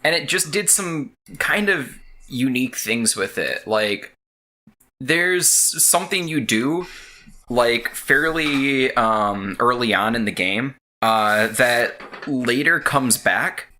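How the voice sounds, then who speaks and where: A man's voice: mid-range voice, animated, slow pace, bright, forceful tone. A man guesting on a casual podcast, talking hesitantly with many ums while he thinks. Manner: hesitant, filler-heavy, thoughtful. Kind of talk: casual chat.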